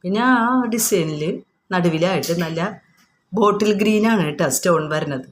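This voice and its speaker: A woman with a Kerala accent and a lowish voice speaks at normal speed, informally showing products one by one, explaining each and repeating prices in an unscripted, repetitive way. There is slight background noise.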